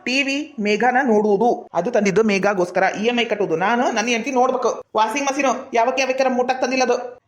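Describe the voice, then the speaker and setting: A woman's voice: on the high side, natural voice. A woman with a North Karnataka accent playing a young village husband who firmly lectures his mother in a comedy skit. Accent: North Karnataka Kannada.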